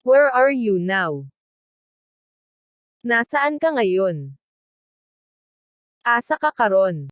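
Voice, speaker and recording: A woman teacher reads short phrases in a very slow, careful drill. Her voice sits fairly high, and the recording is dry and close. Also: very animated, dry recording. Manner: reads each phrase slowly and deliberately. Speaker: language teacher. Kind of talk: slow read-aloud translation drill.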